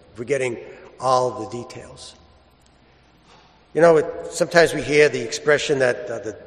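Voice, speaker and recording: Priest preaching in long cathedral echo. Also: male voice, medium pitch. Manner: plain storytelling with pauses and repeated rhetorical asides. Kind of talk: Gospel reading and conversational homily. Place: large reverberant church.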